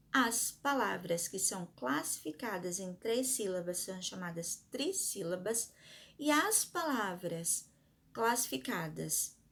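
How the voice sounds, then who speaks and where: A woman's voice: medium pitch, creaky. A woman schoolteacher with a Brazilian Portuguese accent, giving a recorded lesson to her pupils. She explains patiently, step by step, sounds words out syllable by syllable, and asks the class questions that she then answers herself.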